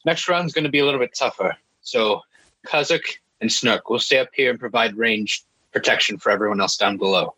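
A man at a tabletop game with a husky but bright voice. He is easygoing and a little hesitant. The sound is dry and close. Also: medium pitch, fairly quick, dry recording, poor audio. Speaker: player. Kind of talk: casual tabletop game chat.

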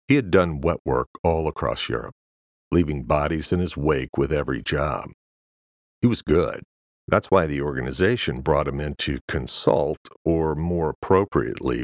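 A man narrating a thriller audiobook in a steady, measured storytelling manner. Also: very deep voice, creaky, no room sound, clean studio sound. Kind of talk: scripted narration.

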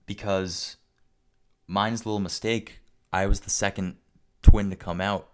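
A young man with a low-pitched voice chats casually as a co-host. His talk is slangy and jokey, full of likes and dudes, with a crude sense of humour. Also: level tone, takes it slowly. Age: young adult. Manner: slangy, crude humour, says dude and like constantly. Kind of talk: casual joking banter.

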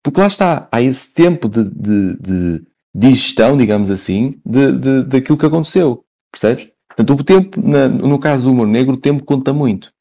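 Mellow Portuguese man explaining things casually. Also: medium pitch, lively intonation, moderate pace, gravelly. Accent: European Portuguese. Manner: repeats himself, checks listener follows.

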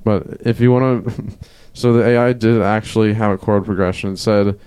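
A man's voice: fairly low pitch, fairly even intonation, normal speed, darkish tone, clean tone. A young man chatting casually as a podcast co-host, feeling his way through loose, hesitant sentences. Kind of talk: casual chat.

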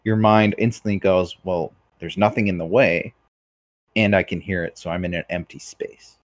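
Low-voiced reflective male host. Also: fairly even intonation, normal speed, no room sound, clean studio sound. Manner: reflective, asks probing questions. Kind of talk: casual discussion.

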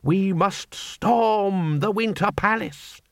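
A man voicing a solemn male revolutionary leader who speaks slowly and gravely. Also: sits high, dry recording, clean studio sound, pitched above the performer's own voice.

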